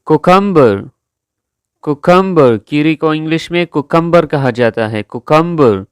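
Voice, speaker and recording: Slow, deliberate male teacher. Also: fairly high pitch, lively intonation, clean tone, dry recording, clean studio sound. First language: Urdu. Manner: drawn-out, careful pronunciation drills. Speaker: English vocabulary teacher. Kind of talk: slow vocabulary lesson, repeating each word.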